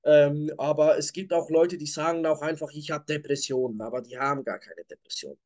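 A man's voice: fairly high pitch, brisk, a little mellow. A man hosting a live online sales coaching session, answering viewer questions bluntly and leaning on repeated catchphrases.

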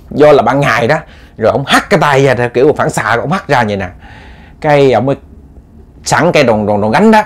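A man telling a ghost story in a lively way, speaking straight to his listeners with many repeats. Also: mid-range voice.

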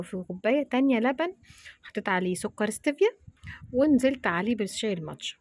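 A woman's voice: medium pitch, no room sound. A woman vlogger with an Egyptian accent does a casual voice-over, describing the breakfast she made step by step. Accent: Egyptian Arabic.

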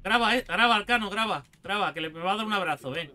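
A man from Spain playing a co-op game with friends, shouting, swearing and panicking as he talks. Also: high voice, fast talker. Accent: Spain Spanish. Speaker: gaming youtuber. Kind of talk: excited multiplayer gameplay chat.

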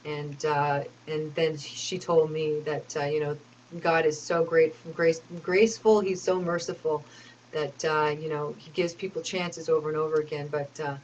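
A woman's voice: deep voice, steady tone, moderate pace, highs cut off, slight background noise. A woman telling a rambling personal story, aggrieved and complaining, with many fillers and restarts.

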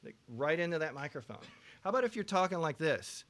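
A man teaching a vocal production workshop to a live class, animated, asking the room questions and acting out singers. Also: a little high, fairly quick, very noisy. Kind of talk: lively workshop lecture. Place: classroom before a live audience.

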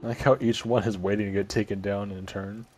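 A man's voice: lowish voice, little pitch movement, a little fast, a little mellow, slight background noise. Sarcastic man mocking a video game. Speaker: gaming commentator. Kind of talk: casual let's-play commentary.

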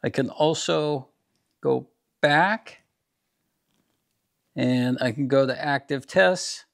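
A man's voice: mid-range voice, vocal fry. A man in his fifties, a garage channel host, plainly demonstrating scan tools in his home garage. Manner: plain, practical, unhurried explaining. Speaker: DIY mechanic channel host. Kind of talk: casual product demo.

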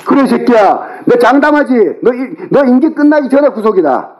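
Man, middle-aged, very high-pitched, yelling, cursing, berating, phone call. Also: expressive, moderate pace, slightly rough. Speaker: older brother on a phone call. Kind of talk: heated phone argument. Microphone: phone call recording.

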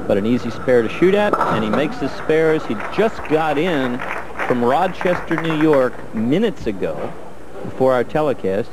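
A man's voice: medium pitch, background noise. A man giving color commentary on a televised bowling match, breaking down each shot in a coaching way. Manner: analytical, coaching-style breakdown of shots.

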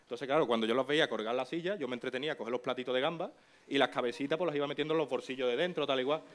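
A man's voice: mid-range voice, rapid-fire. A man chatting casually and telling an amused story about childhood pranks. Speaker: talk show guest.

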